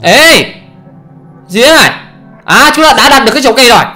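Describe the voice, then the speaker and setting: A man giving let's play commentary on a horror game, excitable and often exclaiming and swearing casually. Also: extremely high pitch, fast talker, soft background music. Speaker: gamer, channel host.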